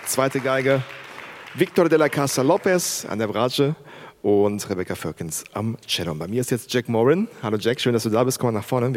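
With a medium-pitched voice and a little hiss or hum on the recording, a man hosts a live concert. He's upbeat, calling out performers' names, asking for applause, and interviewing a student who joins him onstage.

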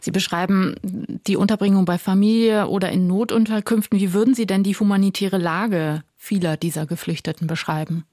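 A woman presenting a radio news program and interviewing a guest in a clear, composed, formal way. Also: medium pitch, fairly even intonation, a little fast, few pauses, warm tone, dry recording, studio quality.

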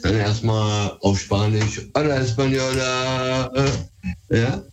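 Speaking slowly at a mid-range, level pitch, this caller is a Berlin man, Turkish by first language, on a radio phone-in. He talks hesitantly and fills his speech with fillers, heard through a muffled recording with slight background noise.

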